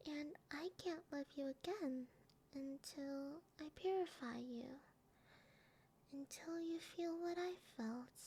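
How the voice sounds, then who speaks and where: Yandere lover played by a woman for ASMR role-play: high, unhurried, breathy delivery, cooing sweetly with eerie, sadistic obsession. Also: a little mellow, slight background noise. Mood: tender menace.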